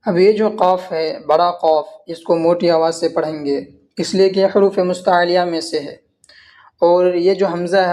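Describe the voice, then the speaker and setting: A man gives a tajweed lesson in a raised, fairly high voice. He lays out each pronunciation rule carefully, repeating points so students can follow. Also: a little mellow. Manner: patient, explanatory, repeats rules step by step. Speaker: Quran recitation teacher. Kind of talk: tajweed lesson with slow recitation.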